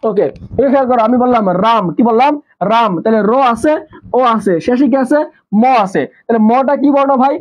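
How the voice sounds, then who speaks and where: A man's voice: very high voice, a little fast, poor audio. A man teaching a live online class, asking his students questions and answering them himself while repeating the key terms. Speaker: nursing admission teacher.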